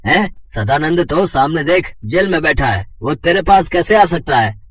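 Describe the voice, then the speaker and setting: A man's voice: fairly high pitch, lively intonation, moderate pace, fairly bright tone, recorded from a distance, a little hiss or hum. Man playing a blunt village police inspector. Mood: dismissive.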